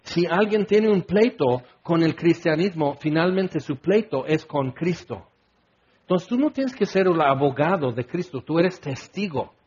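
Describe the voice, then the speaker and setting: Animated high-voiced male preacher. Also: a little slow, lo-fi sound. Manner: animated, acts out quoted voices, shouts exclamations. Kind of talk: sermon.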